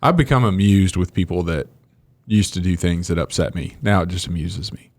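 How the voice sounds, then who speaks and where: Man, podcast co-host, teasing and animated, tells stories with voices. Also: sits low, moderate pace. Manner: joking, animated storyteller. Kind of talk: casual chat.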